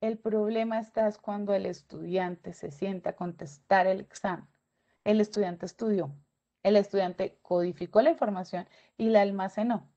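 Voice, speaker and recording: A woman giving an animated webinar lecture, often stopping to check in with her audience. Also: medium pitch. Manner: animated, asks checking questions, acts out student voices. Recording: dull lo-fi webinar audio.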